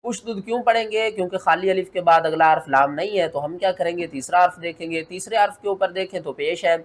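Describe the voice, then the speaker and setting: A man with a notably high voice gives a recitation lesson. He explains each rule patiently, one step at a time, asks himself what to do next, and then slowly draws out the recited examples. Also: fairly even intonation. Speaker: Quran tajweed teacher.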